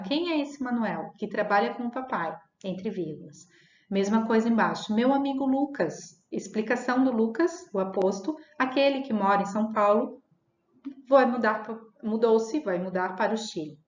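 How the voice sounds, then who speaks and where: A woman teacher gives a recorded grammar lesson, dictating example sentences at a measured pace and checking in with her class. The room rings with echo. The sound is dull and lo-fi. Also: medium pitch. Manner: dictates punctuation slowly, self-corrects, checks in with "tá?". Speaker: Portuguese teacher.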